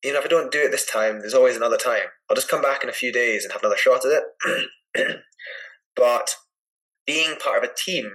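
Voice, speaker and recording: A Scottish man from Edinburgh, a podcast guest chatting casually and telling a rambling, animated anecdote full of "like" and "you know". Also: medium pitch, fairly quick, rough recording. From Edinburgh, Scotland. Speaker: podcast guest, adventure climber. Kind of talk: casual storytelling in conversation.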